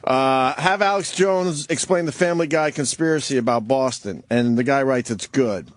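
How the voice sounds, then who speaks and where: A man hosting a radio show, steering the talk with casual questions. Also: medium pitch. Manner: steering the talk, quick asides. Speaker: radio host.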